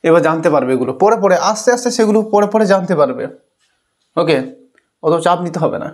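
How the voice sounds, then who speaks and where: A man's voice: high-pitched, expressive, quick pace, a little mellow. A male teacher patiently explains an English lesson to young pupils, asking questions and answering them himself and often saying "okay" between points.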